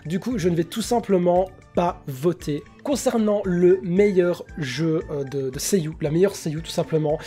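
A man's voice: sits high, unhurried, hardly any pauses, warm tone, soft background music. A young man giving casual, opinionated commentary, enthusiastic and hesitant with many fillers. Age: young adult. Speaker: anime YouTuber.

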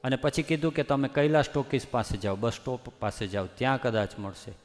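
An earnest religious speaker from Gujarat, a man of middling pitch, pleads with his audience and presses his points with emphatic warnings. A long hall reverb trails every phrase. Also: brisk. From Gujarat, India. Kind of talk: devotional discourse.

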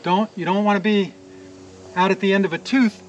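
A man in his forties, owner of the sawmill, speaks fairly quickly in a high, steady voice on a muffled recording, made outdoors with clear background noise in the wooded yard beside the mill. He's chatty and laughs easily while doing the repair.

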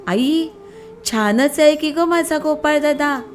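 A woman voicing an eager, trusting little boy in a storybook tale, with high, childlike questions. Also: slow pace.

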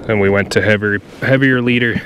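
Speaking briskly in a lowish voice with fairly even intonation, a Canadian kayaker chats to viewers as he fishes on open water. It's a casual, laid-back narration to camera. Wind and water noise are clearly audible outdoors.

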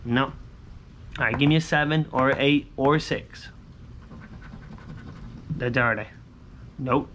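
A thirtysomething man hosting a scratch-off video speaks slowly, leaving long pauses, in a medium-pitched, slightly bright voice. He chats casually to viewers with short, repetitive, informal phrases as he scratches tickets on a covered outdoor patio near a pool. Clear ambient noise sits in the background.

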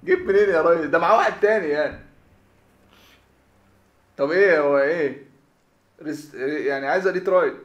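A man with an Egyptian Arabic accent giving excitable live game commentary, with shouted exclamations and stammered repeats. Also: fairly high pitch, a little fast, pauses often, reverberant, lo-fi sound. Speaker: gaming video host.

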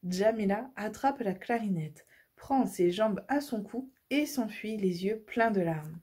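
A woman reading a children's audiobook, lively and expressive. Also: mid-range voice, measured pace, slightly rough. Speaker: storyteller.

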